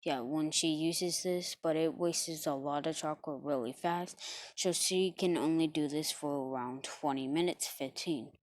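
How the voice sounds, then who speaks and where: Woman, low voice, slow, halting, self-correcting, improvised fan story, dry close sound. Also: darkish tone, no echo. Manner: halting, self-correcting, many fillers and apologies. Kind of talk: rambling improvised fan-fiction narration.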